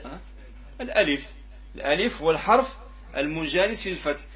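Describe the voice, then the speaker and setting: A man with a Moroccan accent teaching a class on Quran recitation rules. His voice is high-pitched and bright. He asks his students questions and demonstrates sounds by stretching them out and repeating them. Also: animated. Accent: Moroccan Arabic. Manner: drawn-out demonstrations of pronunciation. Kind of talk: classroom lesson on tajweed.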